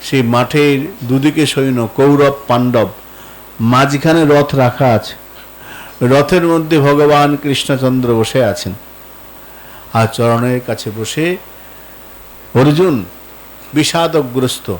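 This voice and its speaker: A man's voice: medium pitch, slow pace, long pauses, slight background noise, poor audio. A man with a Bengali accent giving a devotional sermon, telling stories and acting out the dialogue in voices, with many rhetorical questions. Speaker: Vaishnava preacher.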